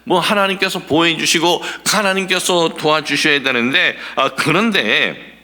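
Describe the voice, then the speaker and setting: A man's voice: medium pitch, sharp tone. A middle-aged man preaching a sermon as a pastor, asking the congregation rhetorical questions and building up to emphatic passages.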